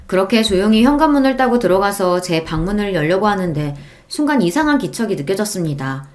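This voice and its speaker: A woman narrating a first-person audiobook story in an indignant, emphatic tone. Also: medium pitch.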